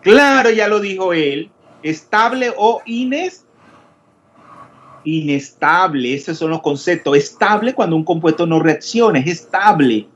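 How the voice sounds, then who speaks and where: Male teacher in an online lecture, slightly high pitch, quizzes students, hesitant, muffled audio. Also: lively intonation, normal speed, hardly any pauses. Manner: questioning, explanatory, many hesitations. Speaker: chemistry teacher. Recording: dull lo-fi audio with faint noise.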